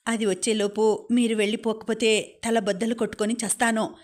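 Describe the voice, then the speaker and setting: A woman's voice: mid-range voice, little pitch movement, normal speed, lightly acted. A woman reading a distraught, weeping mother. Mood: frantic, tearful. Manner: tearful, harsh and pleading. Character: grieving distraught middle-aged mother.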